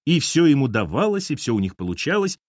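A man narrating a novel in an expressive storytelling manner. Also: medium pitch, fast, no echo, clean studio sound. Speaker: audiobook narrator. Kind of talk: scripted narration.

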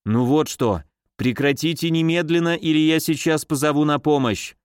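A man's voice: on the high side, normal speed, clear, resonant tone, no echo, studio quality, natural voice. A man voicing a mannered, easily frightened female nurse in an audiobook. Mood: frightened, scolding. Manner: mannered, fussy, shrieking when afraid.

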